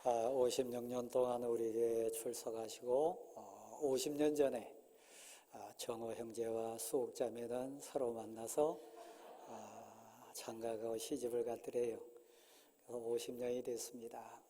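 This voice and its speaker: A man pastor making church announcements and leading a short prayer, pausing often with drawn-out "ah" sounds. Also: medium pitch, little pitch movement, mellow, a little hiss or hum. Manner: halting, many drawn-out "ah" pauses. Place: church sanctuary. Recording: long hall reverb in a church.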